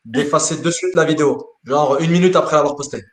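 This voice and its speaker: A man, a sports coach, answering interview questions in a lively way, often repeating words as he thinks. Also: on the high side, brisk. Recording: roomy echo.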